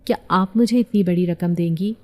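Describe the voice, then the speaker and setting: A woman's voice: fairly low pitch, natural voice. Woman reading as a cold secretive old woman.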